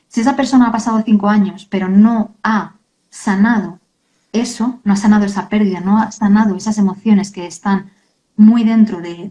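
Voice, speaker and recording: Guest author, woman, earnest and halting in a mellow voice. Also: mid-range voice, poor audio. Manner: earnest, halting, many tag questions. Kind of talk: emotional interview talk.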